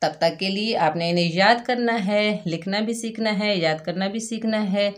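A woman teaching children to read letters, stretching each sound out and coaxing them gently. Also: medium pitch, normal speed. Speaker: Quran reading teacher for children. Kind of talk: slow patient recitation lesson.

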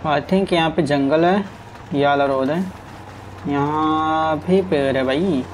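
A man's voice: fairly high pitch, slow pace, slight background noise, low-quality recording. Chatty man commentating gameplay. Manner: chatty, talks to the truck and viewers as he plays. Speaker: gaming streamer. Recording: faint game sounds in background.

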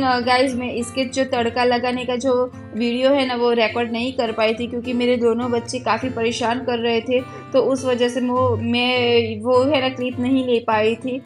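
A young woman, chatting her way through a home cooking voice-over and explaining each step with lots of tag fillers. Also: on the high side. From India. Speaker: home cooking vlogger and mother. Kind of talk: casual voice-over cooking narration. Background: faint background music.

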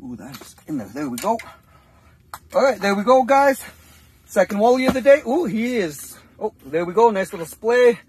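A man's voice: high-pitched, big pitch swings, normal speed, darkish tone, slight background noise, poor audio. A man in his forties, a fishing vlogger, rambling chattily to a phone camera held at arm's length inside an ice fishing tent. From Canada. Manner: rambling, chatty, with frequent fillers and laughs. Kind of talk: casual vlog talk to camera.

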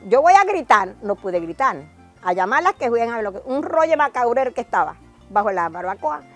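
Lively older Venezuelan woman storyteller. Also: a little fast, soft background music. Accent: Venezuelan Spanish. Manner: acts out voices with high cries. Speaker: interviewee telling childhood stories.

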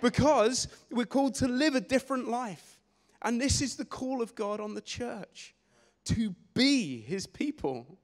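A young man preaching a sermon on a church stage with a handheld mic, energetic and gesturing, often repeating words as he restarts phrases. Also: extremely high pitch, a little slow, hardly any pauses. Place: church stage in a large hall. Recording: long hall reverb.

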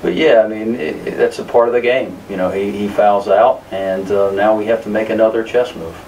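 A man in his thirties with a very low voice answers questions after a game, picking his words slowly and circling back with frequent fillers. He sits a little way from the microphone in a press room. A faint hiss stays under his speech. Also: fairly even intonation, darkish tone, far from the mic, rough recording. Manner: measured, many fillers and restarts. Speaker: basketball coach. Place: press room in front of a sponsor backdrop.

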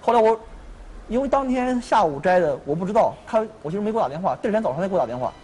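A man's voice: sits high, very animated, very fast, a little mellow, slightly rough. A man in his thirties recounting a family property dispute to a mediator, earnest and repeating himself.

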